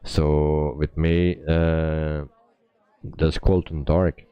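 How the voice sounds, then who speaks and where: A man giving casual live-stream commentary as a flight simulator player, with halting, hesitant phrasing. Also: rumbling low, flat delivery, smooth, no room sound, lo-fi sound.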